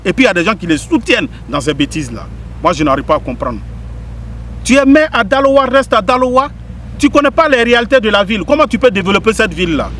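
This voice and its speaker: Ivorian man, higher voice, preachy and insistent, outdoors with faint traffic behind. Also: a bit bright. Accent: Ivorian French. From Ivory Coast. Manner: preachy, repeating and questioning the listener. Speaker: spiritual medium giving a public message. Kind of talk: impassioned direct-to-camera address.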